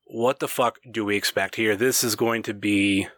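A man's voice: lowish voice, fairly even intonation, moderate pace, fairly bright tone, dry recording, clean studio sound. A man co-hosting a casual wrestling chat, loose and profane, often stopping to restart a phrase. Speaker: wrestling podcast co-host.

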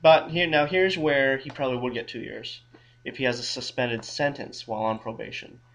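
Gravelly-voiced man explaining legal matters. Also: mid-range voice, steady tone, normal speed, a bit bright, poor audio. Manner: explanatory, wry, thinks aloud with restarts. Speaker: criminal defense lawyer co-host. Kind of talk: casual legal advice podcast.

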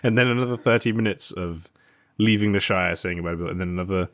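A man co-hosts a podcast in casual chat. His voice sits low, and he riffs loosely with his co-host, laughing between jokes. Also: fast. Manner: laughing, riffing banter.

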